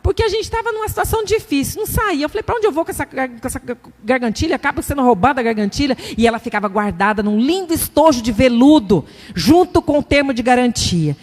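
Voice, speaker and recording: High-voiced Brazilian woman preaching in reverb. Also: quick pace, hardly any pauses. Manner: animated, conversational storytelling, acts out inner voices. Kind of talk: testimony sermon.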